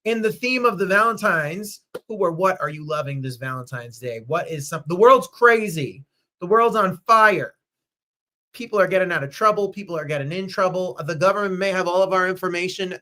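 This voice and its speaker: A man's voice: sits high, expressive, moderate pace, sharp tone. A man hosting a casual livestream chat show from home, upbeat and chatty, greeting viewers by name. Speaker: host.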